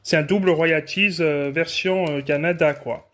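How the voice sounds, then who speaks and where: Young French food vlogger, chatty and rambling, lightly raised pitch, self-corrects constantly. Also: male voice, fairly even intonation, measured pace, fairly bright tone. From France. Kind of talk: casual tasting vlog.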